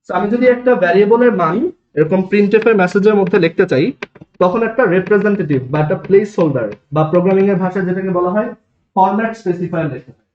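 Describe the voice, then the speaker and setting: A man's voice: sits high, fast talker, a little hiss or hum. A man with a Bangladeshi Bengali accent teaching a programming class, explaining step by step and checking with his students. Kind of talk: classroom lecture. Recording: echoey classroom, dull lo-fi sound.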